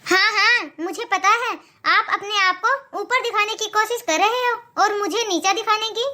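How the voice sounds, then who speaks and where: A woman's voice: very high voice, moderate pace, pushed and bright. A woman voicing a sulky, stubborn young wife in a cartoon, complaining and defiant. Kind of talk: cartoon voice acting.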